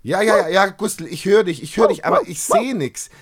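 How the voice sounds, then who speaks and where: A man's voice: high-pitched, lively intonation, moderate pace, breathy edge. A man playing a friendly, fussy porter who hosts children in a radio play, with an exclamatory, welcoming manner. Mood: animated. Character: friendly, fussy male porter at an opera house. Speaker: host.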